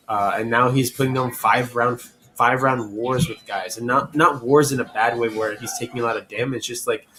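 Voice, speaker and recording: A man hosting a podcast, talking through fights casually with lots of pauses and "I mean". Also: medium pitch, fairly even intonation, noisy background. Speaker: podcast host.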